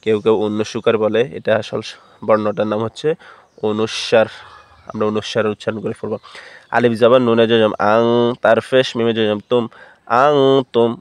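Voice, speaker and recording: A man teaching Quran reading, spelling out letters and vowel marks one by one and then chanting the words slowly and drawn out. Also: lowish voice, level tone, smooth, no echo. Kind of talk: slow spelled-out Quran recitation lesson.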